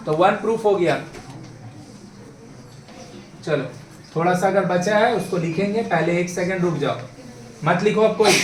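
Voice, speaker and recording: A man with a high voice teaches a math lesson, constantly quizzing his students and asking for yes-or-no answers. It's recorded from far off in an echoey classroom, with slight background noise and students audible in the room.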